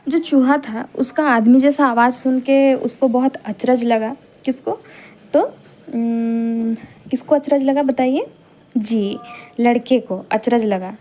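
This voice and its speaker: A woman teacher retelling a folk tale for an exam-prep lesson, explaining slowly, asking questions and checking the students follow. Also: fairly high pitch, fairly even intonation, dark tone.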